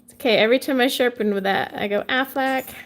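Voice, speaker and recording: A woman's voice: mid-range voice, very fast. A woman, chatting casually with viewers on a livestream and answering their comments. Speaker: livestream host coloring with viewers. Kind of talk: casual chat while coloring.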